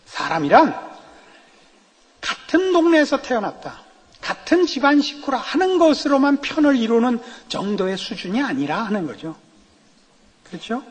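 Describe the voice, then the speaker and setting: Husky high-voiced pastor preaching. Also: male voice. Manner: lively, animated storytelling with acted quotes. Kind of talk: sermon with humorous anecdotes. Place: church sanctuary. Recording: long reverb of a church hall.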